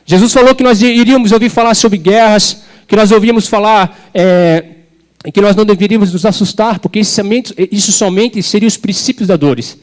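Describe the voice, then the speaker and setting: A man's voice: high-pitched, fairly quick. A man preaching a fervent sermon at a church service, speaking directly and emotionally with many asides to the congregation.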